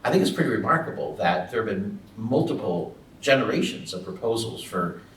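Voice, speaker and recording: Low-voiced man, distant and echoey. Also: sing-song, brisk, a little hiss or hum. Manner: thoughtful, with frequent restarts. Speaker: audience member. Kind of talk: asking a question at a panel. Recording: echoey room from far off.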